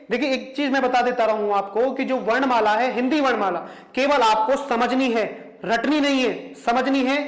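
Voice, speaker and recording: Man teaching in an echoey room. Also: very high-pitched. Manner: asks rhetorical questions, repeats points. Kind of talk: exam-prep classroom lesson.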